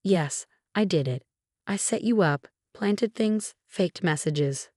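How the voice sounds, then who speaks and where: Cornered, scheming adult sister, read by a woman; low, dry storybook read. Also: expressive, slow pace, a little mellow, dry recording. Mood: defiant. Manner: cornered, spitting out a confession.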